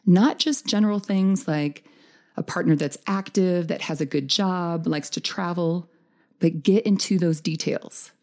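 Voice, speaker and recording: A woman with a mellow voice and plenty of fry delivers scripted relationship advice. She sounds upbeat and encouraging, laying out her points tidily as a podcast host. Her pitch sits on the low side. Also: measured pace. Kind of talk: scripted dating advice talk.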